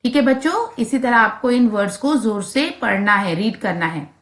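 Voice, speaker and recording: A woman's voice: a little high, animated, normal speed, echoey room. A woman teacher, reading English textbook lines and explaining them in Hindi, sounding out letters for the children.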